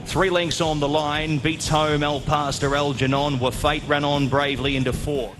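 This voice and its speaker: A man with a fairly high, steady voice calls a horse race live at a moderate pace, using short running phrases. Music plays in the background behind him.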